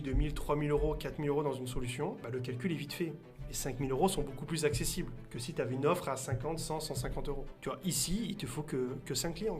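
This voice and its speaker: A young man coaching freelancers straight to camera, talking casually and punchily to the viewer. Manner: casual, addresses viewer as "tu", punchy pitch-style delivery. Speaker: business coach. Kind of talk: direct-to-camera coaching video. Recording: faint music bed behind voice.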